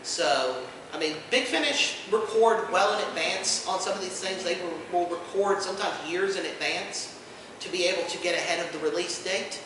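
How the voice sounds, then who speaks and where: Heard from some distance in a very echoey, noisy indoor convention panel room, a man presents at a fan panel in a high-pitched voice. He speaks at a moderate pace, explaining things informally and in detail.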